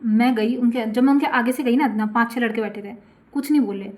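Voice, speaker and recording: Talkative woman, rapid storytelling. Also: fairly high pitch. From Gurugram, India. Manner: chatty and dramatic; animated, repeats questions. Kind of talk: storytime vlog.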